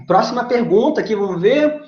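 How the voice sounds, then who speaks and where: Brazilian male sales coach, chatty lesson, animated delivery, echoey room. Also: high voice, brisk. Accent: Brazilian Portuguese. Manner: chatty, persuasive, explanatory. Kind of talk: casual video lesson. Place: seated indoors facing camera. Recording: roomy dull lo-fi recording.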